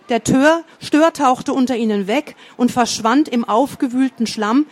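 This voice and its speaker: Brief: woman narrator, steady storybook reading, even tone, a bit high-pitched. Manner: calm, steady narration with small slips.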